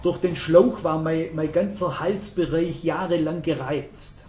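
An older man preaches, his voice high. He tells his story earnestly and leans into emphatic rises. The recording is roomy and dull, like a hall. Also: a little slow, a little mellow, slight background noise. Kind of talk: sermon.

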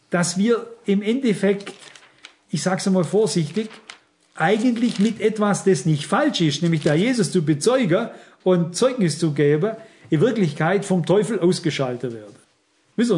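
A man's voice: on the high side, a little mellow. A middle-aged man preaching a sermon, earnest and emphatic, speaking straight to his listeners.

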